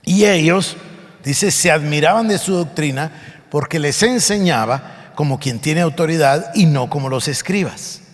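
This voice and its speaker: A man's voice: fairly high pitch, lively intonation, measured pace, in a large hall. A man preaching a sermon, reading scripture aloud and explaining it with emphasis. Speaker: pastor.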